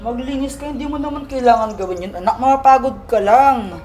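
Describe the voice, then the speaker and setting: A gentle, doting cartoon dad, played by a woman in a fairly high voice. He speaks to his child with warm affection and coaxing reassurance. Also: a little fast, natural voice. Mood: tender. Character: caring, doting father, adult man. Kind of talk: animated story voice acting.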